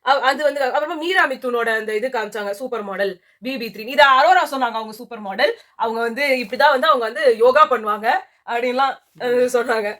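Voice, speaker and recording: High, quick woman reviewer, scornful and lively, casual chat. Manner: animated, mocking, talks over her co-host. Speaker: reality show reviewer.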